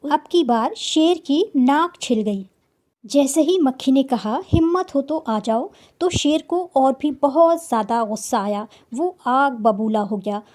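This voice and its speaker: A woman teacher with a high, mellow voice reads a children's story aloud. She stops often to explain word meanings in a patient, step-by-step way. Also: expressive, measured pace. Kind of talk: reading and explaining a school story lesson.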